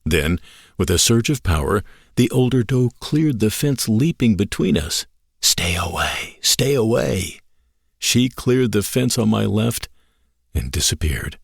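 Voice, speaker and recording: A man narrating a written story expressively, in measured, dramatic short phrases. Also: on the low side, sing-song, vocal fry, no room sound, clean studio sound.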